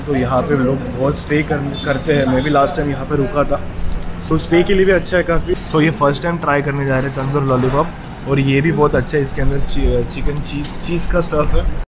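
A man's voice: fairly high pitch, steady tone, brisk. A young man, chatting casually to viewers in a travel vlog, filmed on an action camera held at arm's length. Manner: chatty, mixing Hindi and English, talking to viewers. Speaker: travel vlogger. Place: car, roadside eateries and beaches, indoors and outdoors. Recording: noisy action-cam sound with traffic and wind.

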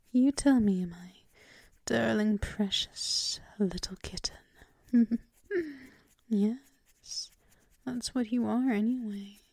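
A woman with a fairly high voice acts as a gentle, teasing, doting dominant girlfriend in an intimate ASMR roleplay, frequently whispering soothing, affectionate murmurs close to the microphone. No room sound is audible.

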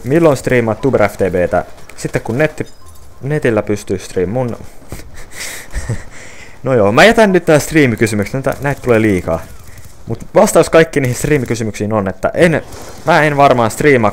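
A young man reading viewer questions off his phone and answering them casually, with many fillers and restarts. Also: medium pitch. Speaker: gaming channel creator answering viewer questions.

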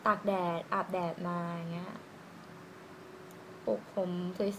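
Woman vlogger, casual lipstick review, slow unhurried talk, giggly, noisy room behind. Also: lowish voice, fairly even intonation, fairly bright tone. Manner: chatty, giggly, drawn-out musing fillers. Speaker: beauty vlogger.

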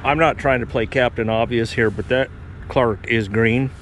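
A man's voice: mid-range voice, normal speed, a little hiss or hum. A man giving a casual, rambling walk-around commentary outdoors at a snowy equipment auction lot, talking into a handheld camera. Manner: relaxed, rambling, uses fillers. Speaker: farm equipment vlogger.

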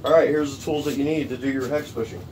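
This fast-talking middle-aged man, medium-pitched and steady in tone, demonstrates building a DIY tool in a cramped, cluttered indoor workshop. His tutorial is hands-on, plain, and casual, and he goes over his points more than once. The audio comes from a camera mic a few steps off, picking up noisy workshop hum.

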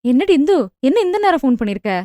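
A woman voicing an anxious, talkative middle-aged mother who scolds quickly and defends herself. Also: high-pitched, animated, dry recording, studio quality. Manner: fast, fretful, scolding.

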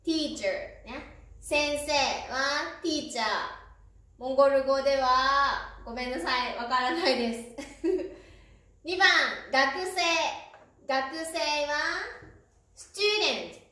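High, bright woman teaching slowly. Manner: repeats words slowly, friendly teacher tone. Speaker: Japanese teacher. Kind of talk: slow, clear language lesson. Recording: echoey room, mic at a distance.

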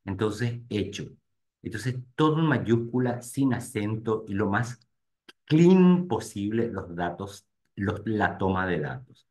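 A low-voiced man leads a live webinar for real estate agents. He speaks straight to his audience and narrates each click out loud as he works through the screens. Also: animated, slow. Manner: talks to "gente" directly while clicking through screens, thinking aloud. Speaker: real estate marketing instructor.

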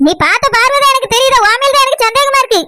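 A woman voicing a tearful, quick-tempered young village wife in a cartoon, wailing and scolding in Tirunelveli Tamil. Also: very high-pitched. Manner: wailing, sharp-tongued. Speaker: cartoon character. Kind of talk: cartoon drama. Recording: loud background noise.

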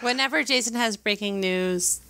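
A woman's voice: on the high side, normal speed, pushed and bright. A woman co-hosting a casual podcast chat, teasing and laughing often. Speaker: podcast co-host.

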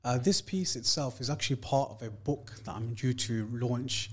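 A guest poet from Leicester, England, talks about poetry on a radio show and recites spoken-word verse in a rhythmic, emphatic style, recorded in the studio. His voice is mid-range and slightly rough, at a moderate pace, and Urdu is not his first language.

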